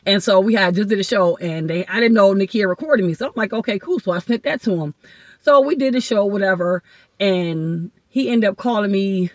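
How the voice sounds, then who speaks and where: A woman from Ohio, a guest comedian, telling rambling, excited stories in casual podcast chat. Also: mid-range voice, fairly quick, no room sound. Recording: dull lo-fi dry sound.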